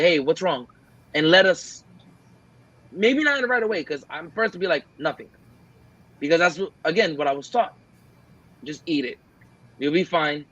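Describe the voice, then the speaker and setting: On a casual podcast he co-hosts, this man speaks in a fairly high, fairly bright voice through a muffled recording. He rambles earnestly and performs the lines he quotes from himself.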